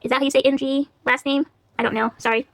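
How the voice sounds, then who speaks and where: A woman with a high-pitched voice talks fast and with fairly even intonation as she chats about books from the library. The book vlogger laughs often during this casual haul and reads back-cover blurbs aloud.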